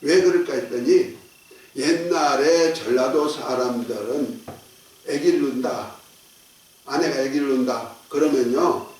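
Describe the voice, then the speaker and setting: In a church sanctuary, a man delivers a sermon with a medium-pitched, slightly mellow voice and an unhurried pace. He's a folksy, joking pastor who draws the congregation into call and response, recorded from afar in an echoing hall.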